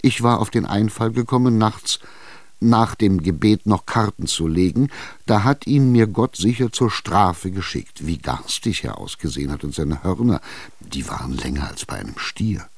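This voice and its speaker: A man's voice: very deep voice, very animated, gravelly, husky, no room sound, voice pushed down, exaggerated voice. A man doing a fretful, whining old widow. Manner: slow, hesitant, whining. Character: fretful, stubborn old female landowner widow. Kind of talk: radio drama reading.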